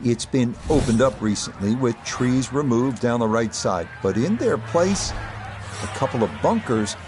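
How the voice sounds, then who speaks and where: A man giving measured, descriptive play-by-play as a golf commentator on a tournament broadcast. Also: medium pitch, animated, background noise. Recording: loud crowd and outdoor ambience behind.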